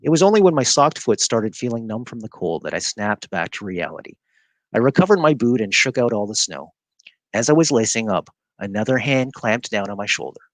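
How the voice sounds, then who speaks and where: A man reading a children's story aloud, expressive and animated. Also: on the low side, brisk, dry recording. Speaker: reader.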